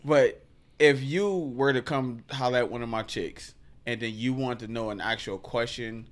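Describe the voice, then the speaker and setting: A man chatting loosely on a podcast, blunt and full of slang. His voice sits in a middling range, neither high nor low. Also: fairly even intonation, moderate pace. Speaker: podcast co-host. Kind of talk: casual chat.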